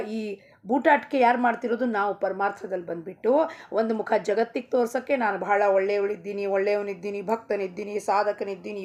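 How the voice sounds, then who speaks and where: A middle-aged woman with a fairly high, gravelly voice delivers a devotional discourse. She preaches emphatically, circling back through repeated phrases and pressing rhetorical questions on her listeners. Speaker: spiritual teacher.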